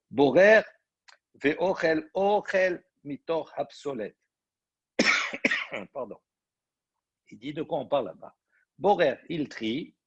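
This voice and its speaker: A man, a rabbi, teaching a Talmud study class. He explains step by step and reads Aramaic phrases slowly before translating them. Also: mid-range voice, creaky, slightly rough, dry recording. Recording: dull lo-fi recording.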